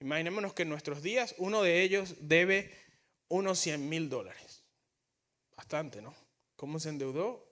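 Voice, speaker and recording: A man's voice: a little high, animated, normal speed, fairly bright tone. A male pastor preaching a sermon in Spanish. He is earnest and often repeats words or restarts as he builds his points.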